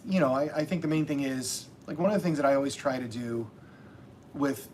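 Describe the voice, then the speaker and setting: A man's voice: mid-range voice, fairly quick, a little mellow, slight background noise. A man hosting a casual livestream as a self-published author, talking in a rambling way with many restarts.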